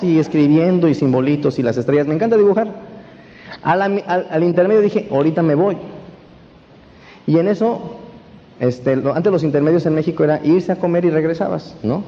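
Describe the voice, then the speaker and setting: A man with a Mexican accent giving an animated personal testimony to a seminar audience, often checking that they follow him. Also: a little high, brisk, gravelly. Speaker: motivational speaker at a network marketing event. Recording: dull echoey hall recording with faint hiss.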